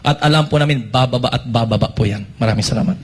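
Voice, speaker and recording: A Filipino man, a church member speaking out, makes an impassioned, emphatic and accusatory statement on behalf of his church. He talks fast in a medium-pitched voice with a breathy edge.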